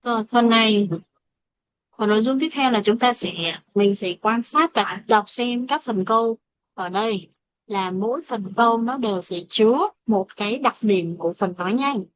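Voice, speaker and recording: A woman teaching an English pronunciation lesson, speaking English with a Vietnamese accent and slowing down to model example phrases. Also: fairly high pitch, no echo. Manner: switches between explanation and slow modeled English examples. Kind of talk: classroom lesson explaining pronunciation.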